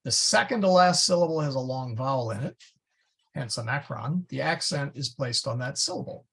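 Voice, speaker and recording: A man's voice: mid-range voice, lively intonation, moderate pace, vocal fry, fairly bright tone, husky. A man teaching a Latin class in a casual, chatty way, often stopping to correct himself. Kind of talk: classroom lecture. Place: church classroom.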